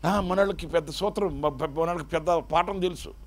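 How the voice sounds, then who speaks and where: High-voiced animated male preacher. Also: brisk. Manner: animated call-and-response preaching. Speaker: pastor. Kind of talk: sermon.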